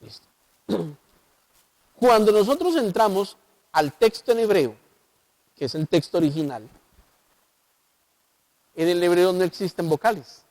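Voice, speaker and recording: A man's voice: high voice, expressive, a little slow, long pauses, darkish tone. A man with a Colombian accent, a pastor explaining the Bible on local television, who often puts rhetorical questions to his listeners. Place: local TV studio.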